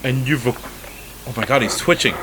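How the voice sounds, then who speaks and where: Male reaction-video host, average pitch, slangy incredulous commentary, noisy audio behind him. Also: brisk. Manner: incredulous, slangy, addresses the characters directly.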